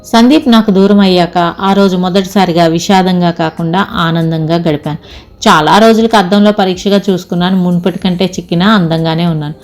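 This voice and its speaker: A woman's voice: on the low side, steady tone, fairly quick, darkish tone. A woman narrating an audio story in the first person, reading steadily and reflectively.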